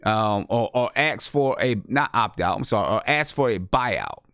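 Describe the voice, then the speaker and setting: A man's voice: fairly low pitch, expressive, moderate pace, fairly bright tone, clean tone, no echo, studio quality. A man hosting a sports talk show, chatting casually and asking his guests for their takes. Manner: conversational, restarts sentences, asks guests for their takes.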